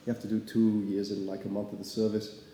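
In a casual interview, a young Singaporean artist rambles easily about his path, dropping in plenty of fillers. His voice sits on the low side and moves fast, with slight background noise in an echoey room that carries a long reverb.

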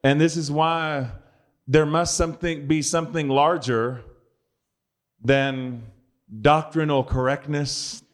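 A man's voice: a little high, fairly even intonation, slow. A man giving a conversational sermon, with dry, joking asides. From United States. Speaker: preacher.

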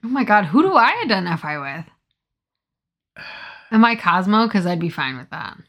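A woman's voice: medium pitch, big pitch swings, moderate pace, a bit bright. A woman co-hosting a podcast, chatting casually and teasingly, with lots of filler "like". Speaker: podcast co-host. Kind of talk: casual chat.

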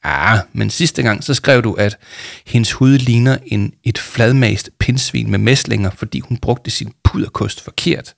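A man's voice: mid-range voice, creaky, dry recording, studio quality, lightly acted. A man voicing a shy mumbling schoolboy. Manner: mumbling, hesitant. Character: shy quiet schoolboy Arthur.

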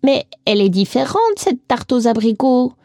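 A woman's voice: moderate pace, warm tone, no echo, clean studio sound, lightly acted. Woman putting on a stubborn grumpy old lady. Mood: delighted. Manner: squeals up high and drawls when delighted. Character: grumpy, stubborn old woman who loves apricot tart.

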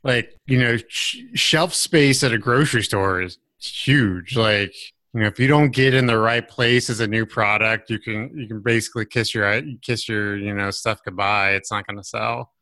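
A man co-hosting a casual podcast chat, talking in a halting way with many fillers and restarts. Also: on the low side, pushed and bright, no room sound. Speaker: podcast co-host.

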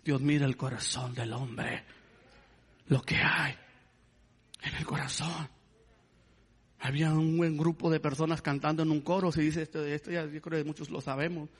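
A man's voice: a little high, flat delivery, normal speed, long pauses, slightly rough. A man preaching a sermon, calling his listeners "brother" and asking them to praise the Lord. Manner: repeats "hermano" and asks the congregation to praise the Lord. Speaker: pastor.

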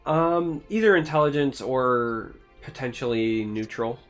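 A man's voice: mid-range voice, measured pace, faint music behind. A man co-hosting a casual podcast, explaining game mechanics at length in an analytical way. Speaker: podcast co-host.

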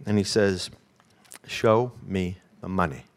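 A man preaching a sermon as a pastor, telling stories with animated swings between loud emphatic peaks and hushed low asides. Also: takes it slowly.

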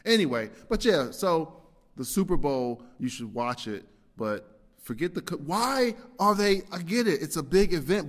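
Man, podcast host, casual solo talk, rambling, self-deprecating, middle pitch, long echoing reverb. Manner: rambling and self-deprecating, with frequent fillers and restarts.

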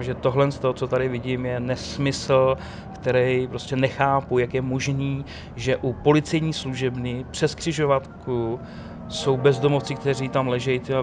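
A Czech man telling lively stories in a casual chat, quoting the people he met. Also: mid-range voice, background noise. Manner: animated storyteller, quotes others. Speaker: guest telling of police ride-alongs.

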